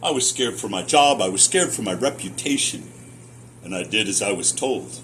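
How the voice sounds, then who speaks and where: A middle-aged American man giving a personal testimonial in a deliberate, emphatic storytelling manner with short repeated phrases. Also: on the low side, expressive, fairly bright tone, a little hiss or hum. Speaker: speaker sharing personal experience, former academic researcher.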